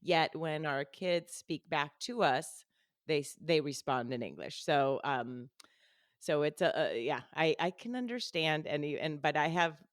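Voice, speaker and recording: A woman's voice: low-pitched, animated, measured pace, no room sound, clean studio sound. A woman from Colombia, a native Spanish speaker, hosting a casual interview with many restarts. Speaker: podcast host.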